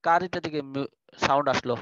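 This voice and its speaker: A man's voice: a little high, normal speed, a bit bright, dry recording, muffled recording. A man with a Bangladeshi Bengali accent teaching an online class, explaining in a chatty way and dropping in English phrases. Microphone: video call.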